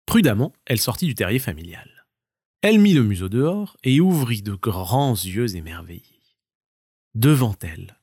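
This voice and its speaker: Expressive male bedtime storyteller. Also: mid-range voice, breathy edge, dry recording, clean studio sound. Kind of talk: children's bedtime story narration.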